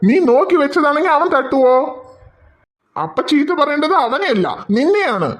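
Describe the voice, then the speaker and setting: A man voicing a cartoon father who calmly reasons with and lectures his wife. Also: very high-pitched, moderate pace. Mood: lecturing. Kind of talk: cartoon voice acting.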